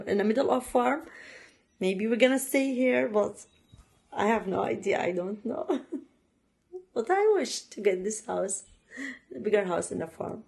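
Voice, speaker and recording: A woman from Iraq, being interviewed, tells a casual personal story in a slow, halting way. Her mid-range voice is a little mellow, and her speech has many fillers and restarts along with second-language phrasing.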